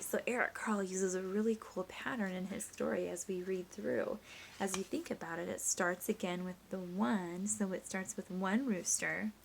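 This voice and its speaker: A gravelly, medium-pitched female voice, with a little hiss or hum in the background, belongs to a teacher reading a picture book with expression. She pairs the story with simple math, guiding young children through sums one step at a time and asking them questions.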